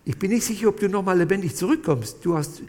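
A man's voice: high voice, animated, fast talker, a little mellow, in a large hall. A man quoting an earnest, worried woman friend who urgently warns him, in his own voice.

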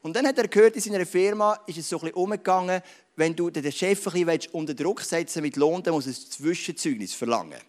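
A man preaches directly to his congregation, weaving anecdotes and read-aloud stories into his sermon. His voice sits a little higher than most men's. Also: fast. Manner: direct, addresses listener as du. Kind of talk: sermon with storytelling.

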